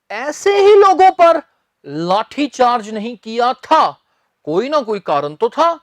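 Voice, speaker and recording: A man with an Indian accent teaching English phrases in a recorded lesson, dictating slowly, spelling words letter by letter and repeating them for students. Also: extremely high pitch, no room sound, clean studio sound.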